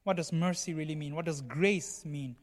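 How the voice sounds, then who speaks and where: A man from Cameroon preaches a sermon at a normal speed in a slightly high voice. His style is conversational and explanatory, and he often checks in with his listeners using "right?" and "you know." A long hall reverb surrounds his voice.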